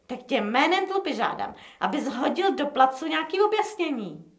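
A woman's voice: sits high, big pitch swings, echoey room, voice pushed up. A woman doing a blunt old gang elder. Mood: demanding. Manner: blunt, colloquial, insistent. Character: older male gang elder, blunt and demanding.

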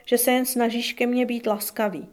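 A woman voicing a troubled, guarded young man in an audiobook, speaking in quiet, clipped lines. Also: fairly high pitch, level tone, natural voice.

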